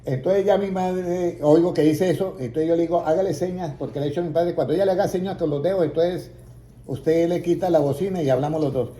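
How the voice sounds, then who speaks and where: Male preacher, storytelling testimony, somewhat high voice, roomy sound with faint ambience. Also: fast talker, mellow. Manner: storytelling, acting out quoted voices, rising to emphatic peaks.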